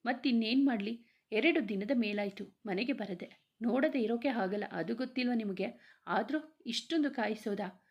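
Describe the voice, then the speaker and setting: A woman's voice: fairly high pitch, moderate pace, husky, muffled recording. A woman doing a sulking young pregnant wife. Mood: reproachful sulking. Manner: reproachful, pouting.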